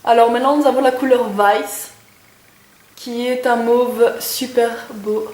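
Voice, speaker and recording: A woman's voice: fairly high pitch, fairly even intonation, a little slow, darkish tone. A young woman reviewing makeup in a casual, chatty way, with many hesitations and lots of enthusiastic praise. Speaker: beauty vlogger. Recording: echoey room with faint noise.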